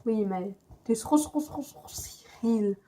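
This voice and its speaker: A young woman talks her viewers through a simple home recipe, unhurried and playful, often joking with herself. Her voice sits a little high and her delivery is slow. The camera mic picks up faint noise from the kitchen. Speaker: cooking vlogger. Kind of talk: casual home cooking demo. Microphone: camera mic propped on a stand.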